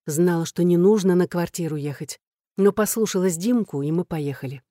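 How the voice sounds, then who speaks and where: Audiobook narrator, woman, earthy and frank, mellow tone, dry close recording. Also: fairly low pitch, normal speed, no room sound. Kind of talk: first-person scripted narration.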